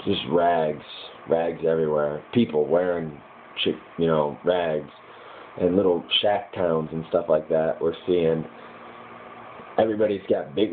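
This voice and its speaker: An American man in a casual, rambling recounting of his dreams, hazy and puzzled as he gropes to remember. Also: low voice. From United States, Michigan. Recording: muffled lo-fi with clear background noise.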